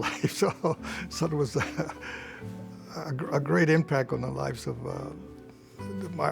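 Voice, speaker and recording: A man's voice: mid-range voice, creaky. An older man, a former scholarship recipient, speaking gratefully in an interview, often repeating words as he goes. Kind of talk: interview testimonial. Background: music.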